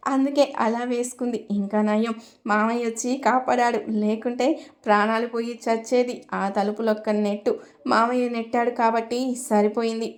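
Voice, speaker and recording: A woman's voice: a little high, level tone, normal speed, lightly acted. Latha, a woman doing a firm reproachful younger sister. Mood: earnest. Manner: earnest, scolding.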